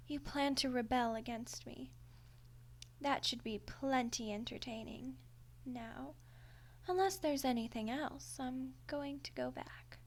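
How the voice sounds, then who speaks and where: Playing an ancient female archdemon in a roleplay ASMR monologue, a high-pitched woman speaks unhurriedly with touches of whisper. Her manner is playful and condescending, with a cool menace.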